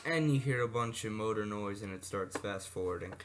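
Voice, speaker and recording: A man with a fairly low pitch speaks briskly as a hobbyist video presenter showing vintage electronics. His informal, unscripted demonstration rambles with asides and self-corrections, recorded amateurishly with noise and clicks.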